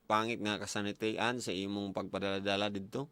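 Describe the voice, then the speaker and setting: A native Cebuano speaker with a Filipino accent hosts a casual radio advice show, interviewing callers with probing questions and offering advice. His voice sits on the low side with a fairly bright, level tone and a brisk pace, over background music.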